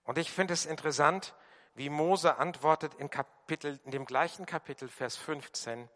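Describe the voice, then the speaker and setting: A man preaching a sermon with emphatic delivery, dropping to a hushed voice when he quotes prayers. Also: a little high, normal speed. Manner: emphatic, varies loudness, quiet voicing of quoted prayers. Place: church hall. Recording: long church reverb.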